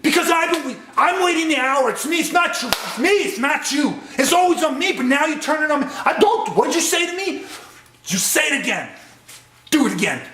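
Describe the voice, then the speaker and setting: A man role-playing an angry client who shouts, repeats himself and turns confrontational. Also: extremely high pitch, very animated, fairly quick, roomy sound, slight background noise, pitched above the performer's own voice, exaggerated voice. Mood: furious. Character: angry frustrated man escalating toward crisis.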